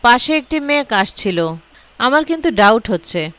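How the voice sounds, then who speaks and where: A woman reads a scheming woman plotter in a storybook, pushy and full of suspicious questions. Fairly high voice, dry close sound. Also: very animated, moderate pace, fairly bright tone, no echo.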